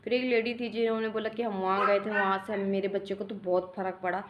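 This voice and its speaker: A woman's voice: medium pitch, level tone, quick pace, lo-fi sound, noisy background. A young woman, a mother, tells a casual home-vlog story in a rambling, homely way with many restarts. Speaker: mother vlogger.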